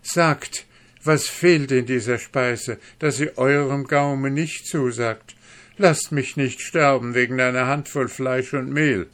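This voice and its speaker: A man's voice: medium pitch, fairly even intonation, slow, fairly bright tone, voice pushed up. A man voicing a small, frightened dwarf cook who pleads for his life in an audiobook. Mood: begging. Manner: pleading, trembling. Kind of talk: audiobook character reading.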